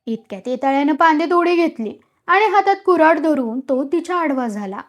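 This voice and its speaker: Female storyteller, high pitch, dramatic expressive story reading. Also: brisk. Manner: dramatic, vivid narration.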